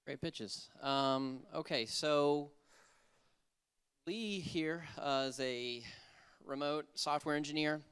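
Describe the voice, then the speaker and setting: Smooth-voiced man introducing a speaker. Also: on the high side, slow. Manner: relaxed, friendly, a bit hesitant. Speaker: meetup organizer introducing the speaker. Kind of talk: casual introduction.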